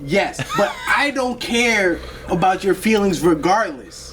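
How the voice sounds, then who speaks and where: A man's voice: high voice, lively intonation, measured pace, background noise. A young man co-hosting a podcast, teasing and cutting in with mock-analytical remarks in casual chat. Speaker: podcast co-host.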